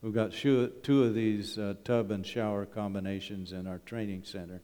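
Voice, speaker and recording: A wilderness school principal from Canada, a man of middle age or older, presents to a church congregation in a hall with long, echoing reverb. It's a folksy, humorous slide talk with frequent rhetorical questions, delivered in a mellow, lowish voice with fairly even intonation at a moderate pace.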